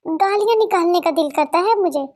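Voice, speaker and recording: A high-voiced performer dubbing an irritated young male college student who snaps and scolds. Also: a little fast, darkish tone. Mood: annoyed. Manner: snappy, scolding. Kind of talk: Hindi fan dub.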